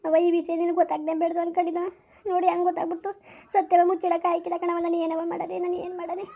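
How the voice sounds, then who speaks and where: A woman's voice: extremely high pitch, flat delivery, rapid-fire, vocal fry, warm tone. A woman playing a loyal young wife who soothes and pleads with her mother. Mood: soothing. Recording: dull lo-fi recording.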